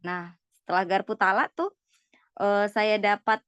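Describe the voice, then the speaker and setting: A woman recounts her story earnestly, pausing on fillers and breaking off to restart. Her voice sits at a middling pitch. The sound is dry and a little dull, as from a modest recording. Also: fairly even intonation, fairly bright tone, clear, resonant tone, no room sound. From Medan, North Sumatra, Indonesia. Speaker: guest, certified trainer. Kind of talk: personal testimony in casual chat.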